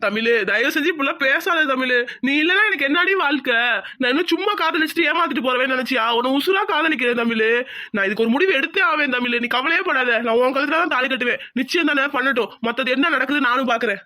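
A man's voice: very high voice, fast talker, bright, forceful tone, exaggerated voice. A performer voicing a devoted young village man in a cartoon, pleading with the woman he loves. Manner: pleading, earnest promises. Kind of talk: cartoon voice acting.

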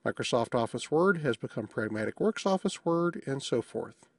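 A man talks through a software demo in a relaxed, matter-of-fact way, throwing in the odd small joke. His mid-pitched voice is a bit husky. It is recorded dry and close, with no room sound. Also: normal speed, dry recording. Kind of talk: screencast tutorial narration.

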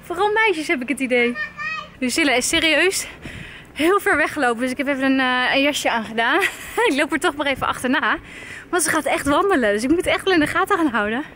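A woman in her twenties with a strikingly high voice films a family vlog at home and out on the street. She coaxes her small child in a playful, sing-song way and laughs often. There is a faint hiss behind her. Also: expressive, a little fast, sharp tone. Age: 20s. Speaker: family vlogger and mother.

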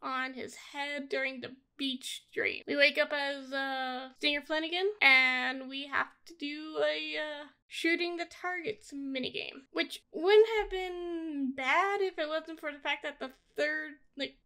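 A woman's voice: sits high, steady tone, a little slow, few pauses, sharp tone. A woman giving a casual, informal recap of a video game, griping with blunt opinions as she goes. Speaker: gamer reviewing a video game. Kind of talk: casual gameplay recap commentary.

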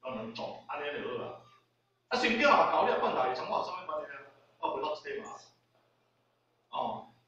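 A man's voice: fairly high pitch, sing-song, a little fast, long pauses, a bit bright, slight background noise. A middle-aged man with a Taiwanese accent giving a dharma class lecture in a Buddhist hall. He keeps asking rhetorical questions and acts out the people in his stories. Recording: very echoey hall, far from mic, dull.

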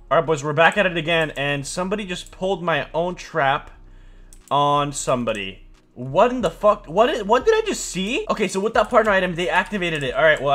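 A man's voice: on the high side, fairly bright tone. A young man doing casual gameplay commentary as a video host, talking in a slangy frat-bro way peppered with dude and bro.

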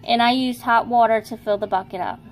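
This high-pitched woman talks a little quickly and keeps her intonation fairly even. She's a home video maker rambling through a casual kitchen how-to for her phone camera, chatting away and correcting herself often.

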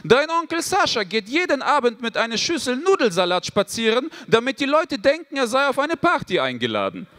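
A man's voice: very high-pitched, huge pitch swings, a little fast, few pauses, bright, forceful tone, heavily acted. A man doing a stern manly father. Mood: lecturing. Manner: lecturing, solemn advice, hesitant fillers. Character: stern, proudly manly older father giving life advice.

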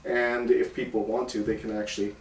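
A man's voice: medium pitch, little pitch movement, fairly quick. A middle-aged man performing as a theatrical stage magician, bantering playfully and giving instructions to his audience. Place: indoor room with small stage setup. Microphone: far camera. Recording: roomy, distant camera mic with background noise.

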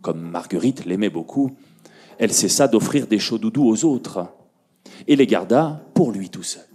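A man telling a fairy tale to a conference audience, slow and expressive, dropping his voice and lifting it for effect. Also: on the low side, husky. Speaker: storyteller. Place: conference room.

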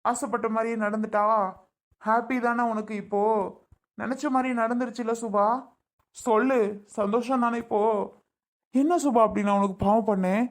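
A woman's voice: on the high side, steady tone, moderate pace, long pauses, natural voice. A woman playing a young married man torn between his wife and his sister, who pleads and then accuses in an amateur family drama skit. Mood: bitter.

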